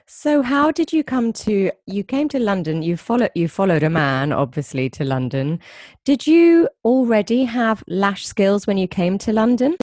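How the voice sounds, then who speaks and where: A woman's voice: medium pitch, big pitch swings, normal speed, a little mellow, dry recording, studio quality. A woman host presenting and interviewing a guest in a conversational, presenter-like style. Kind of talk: scripted introduction and conversational interviewing.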